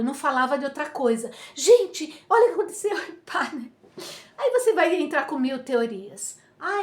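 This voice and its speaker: A middle-aged woman from Brazil, animated and emotional, telling a personal story in a vlog. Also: high voice. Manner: animated, emotional, lots of tag questions. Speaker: vlogger. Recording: echoey room.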